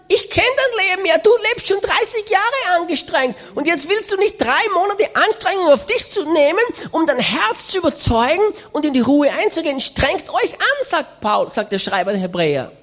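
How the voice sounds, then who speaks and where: A woman's voice: very high voice, very animated, moderate pace, hardly any pauses, a bit bright. A woman speaking a sermon as a voice-over, in an emphatic, exhorting way.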